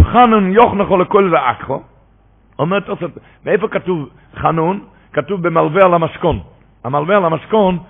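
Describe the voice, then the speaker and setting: Male Torah teacher, gravelly and husky, emphatic lecturing, tinny radio sound. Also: high-pitched. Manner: animated, rising to emphatic preaching. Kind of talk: religious lecture on Talmud commentary. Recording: tinny phone-line radio broadcast.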